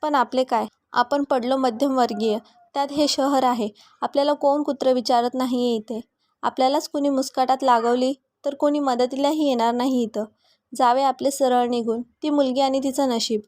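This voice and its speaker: A woman narrating a story in the first person, soft and expressive. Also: high voice, moderate pace, dry recording, studio quality.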